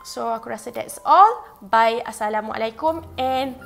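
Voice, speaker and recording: A woman's voice: on the high side, a little slow, creaky. A woman with a Malaysian Malay accent, casually telling a ghost story to her viewers with chatty asides. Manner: chatty, addresses viewers directly with frequent asides. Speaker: YouTuber telling ghost stories.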